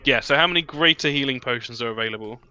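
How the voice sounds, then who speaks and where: A man's voice: medium pitch, quick pace, pushed and bright, smooth, dull audio. A man playing a tabletop game, chatting casually in a sweary, jokey way. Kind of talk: casual chat.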